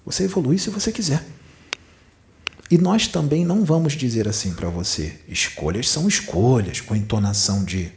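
Acting as a spiritual medium, a man from Brazil with a Rio de Janeiro accent preaches a channeled teaching with emphasis and plenty of rhetorical questions. He speaks at a moderate pace in a mid-range, slightly mellow voice.

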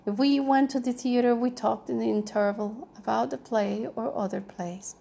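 A woman narrating a novel aloud in a measured, even reading style. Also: fairly high pitch, gravelly. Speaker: audiobook reader.

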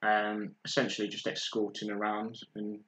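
A man's voice: on the low side, monotone, moderate pace, a bit bright, a little hiss or hum, low-quality recording. A young man, a podcast guest, tells a story in casual chat, stopping often on fillers. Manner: hesitant storytelling with many fillers.

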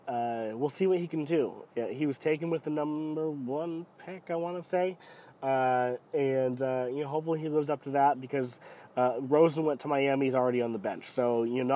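Man with a cold, casual football talk. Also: a little mellow. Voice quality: deep voice from a head cold. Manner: hesitant, rambling, opinionated. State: sick with a cold. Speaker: sports podcast host. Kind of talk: casual solo NFL commentary.

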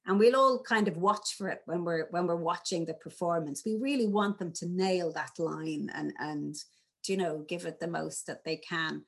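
A woman, a drama teacher talking through classroom exercises in an interview, animated and playful. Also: fairly low pitch, moderate pace, gravelly, slightly rough. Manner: animated, demonstrates lines in varied voices. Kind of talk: conversational interview.

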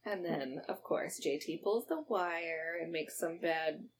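A woman co-hosting a podcast, animated and amused as she recaps a TV episode, laughing readily. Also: low voice, unhurried, slight background noise. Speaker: podcast co-host. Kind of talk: casual chat recapping a TV episode.

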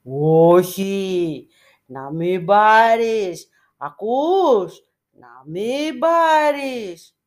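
A woman voicing a man hidden behind an icon, who thunders slow commands as if the icon spoke. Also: medium pitch, expressive, a little mellow, lightly acted. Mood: stern. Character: man hiding behind an icon, booming like a holy voice.

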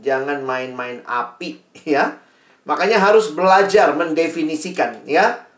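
Animated man preaching in a roomy hall. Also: a little high, unhurried. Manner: lively, conversational, acts out teen questions. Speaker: youth speaker. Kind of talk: sermon to young people. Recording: roomy, distant mic.

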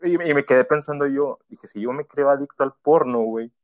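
A man's voice: medium pitch, a little fast, slight background noise. A young man with a Mexican Spanish accent, casually telling a story full of slang and frequent laughter. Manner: laughs often, heavy slang, animated retelling.

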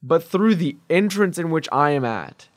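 A man in his twenties telling a work story in casual chat, animated and acting out the quotes. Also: on the high side, normal speed, no echo, clean studio sound. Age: 20s.

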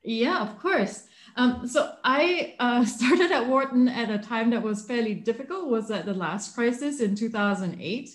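A woman in her thirties from Malaysia, a book author answering interview questions in a thoughtful, measured way with frequent fillers. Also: a little high, animated, reverberant. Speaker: guest, author. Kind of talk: remote interview.

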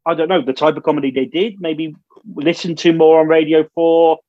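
A man's voice: on the high side, steady tone, a little fast, no echo. A man chatting casually, thoughtful and a little hesitant. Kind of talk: casual chat. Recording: dull dry lo-fi sound.

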